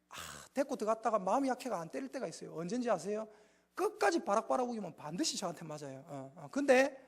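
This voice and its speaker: A man preaches in a broad Gyeongsang accent, folksy and animated, often calling on the congregation to respond. His pitch leaps up and drops back down all through his delivery. The sound carries the long reverb of a church sanctuary. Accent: Gyeongsang Korean. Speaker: pastor. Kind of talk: Sunday afternoon sermon.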